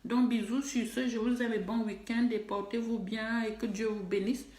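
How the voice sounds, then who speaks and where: A woman with a high voice speaks straight to her online followers and scolds them firmly, repeating her points with emphasis. The sound is roomy and echoey. She is middle-aged and comes across as forthright. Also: steady tone, moderate pace, a little mellow. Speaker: online personality and musician. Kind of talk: direct-to-camera social media video. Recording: roomy echo.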